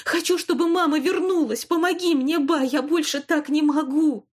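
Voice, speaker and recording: Voicing an audiobook character, a woman takes on a rebellious, distraught teenage girl, moving from sulky defiance to desperate sobbing. Her voice is a little high and a little mellow, lightly acted and moderately paced.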